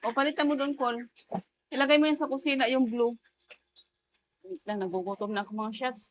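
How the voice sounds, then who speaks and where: A woman's voice: fairly high pitch, steady tone, a little fast. A woman, chatting casually in a home vlog, mixing in English phrases with giggly asides. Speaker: vlogger.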